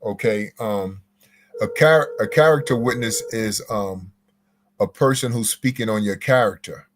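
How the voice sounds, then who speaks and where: A man's voice: on the low side, unhurried, slight background noise. A man answering interview questions on a podcast, explaining step by step and repeating phrases for emphasis. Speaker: guest legal commentator.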